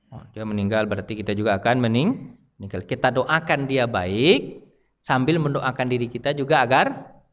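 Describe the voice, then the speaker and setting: A male preacher giving a mosque sermon, often putting questions to the congregation. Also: medium pitch. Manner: keeps asking the congregation questions. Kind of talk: mosque sermon, Islamic study class. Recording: long reverb of a mosque hall.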